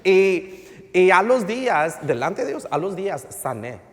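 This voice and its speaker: A male pastor, telling a story in a relaxed sermon and slipping into English phrases. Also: high-pitched, measured pace. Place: church sanctuary. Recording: reverberant church hall.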